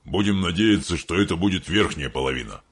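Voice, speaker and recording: Brief: male reader as irritable father, husky, animated outbursts. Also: sits low, a little fast, voice pushed down. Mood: anxious. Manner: sharp, barking. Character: gruff irritable father, middle-aged man.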